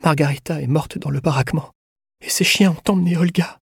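A man voicing a starving, frightened young woman prisoner in a storybook reading, in a high, faint, half-whispered voice. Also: little pitch movement, fast talker, fairly bright tone, husky, dry recording, studio quality. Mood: frightened, weak.

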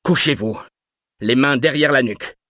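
A man voicing a tense male security guard who shouts sharp commands. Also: mid-range voice, moderate pace, no echo, clean studio sound, voice pushed up, natural voice. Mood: alarmed, commanding.

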